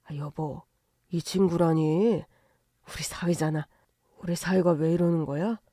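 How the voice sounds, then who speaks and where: A woman voicing a middle-aged husband and father with a low, gruff manner. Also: steady tone, unhurried, dark tone, dry recording. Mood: puzzled.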